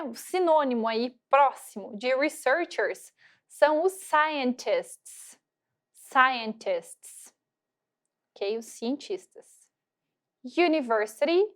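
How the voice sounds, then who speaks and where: In a recorded online lecture, a woman with a high voice teaches English through slow, drawn-out, repeated pronunciation drills. She keeps checking in with her students, frequently asking "tá?" and "ok?".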